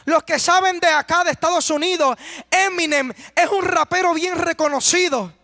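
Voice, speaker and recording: A man's voice: very high-pitched, moderate pace, pushed and bright, dry recording, clean studio sound. A young man preaching an impassioned testimony sermon, fervently calling out to the young people listening. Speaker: preacher giving a testimony to youth.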